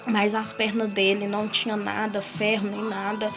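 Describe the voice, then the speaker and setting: A woman with a Brazilian Portuguese accent giving an emotional personal testimony, telling it earnestly and haltingly, often restarting her sentences. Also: medium pitch, monotone. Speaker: testimony speaker. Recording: music playing clearly behind.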